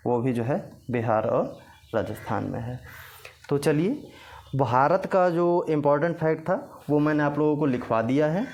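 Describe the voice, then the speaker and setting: A man's voice: on the high side, animated, normal speed, darkish tone. A man teaching an exam-prep lecture, dictating facts for notes and repeating the key points. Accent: Hindi.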